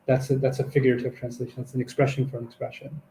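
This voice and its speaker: A man's voice: mid-range voice, little pitch movement, very fast, warm tone, reverberant, a little hiss or hum, poor audio. A man talking through translation choices in a casual scholarly discussion, thoughtful and explanatory, often correcting himself mid-sentence.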